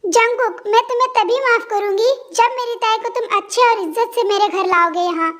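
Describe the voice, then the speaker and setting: A woman's voice: extremely high pitch, brisk, a bit bright. A woman voicing a caring, protective mother in a fan-dubbed romance story. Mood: firm. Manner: doting. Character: caring middle-aged mother, fussing and protective.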